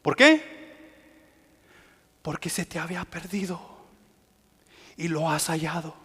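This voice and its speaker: A man preaching a sermon with passion, dropping to hushed lines and rising to loud ones. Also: fairly high pitch, takes it slowly, breathy edge, in a large hall. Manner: impassioned, swinging between hushed and loud.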